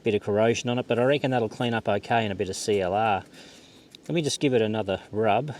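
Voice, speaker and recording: A man's voice: lowish voice, quick pace. Man in casual outdoor commentary, noisy background. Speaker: metal detecting vlogger. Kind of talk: casual running commentary while searching. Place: outdoors on a beach. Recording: clear outdoor background noise.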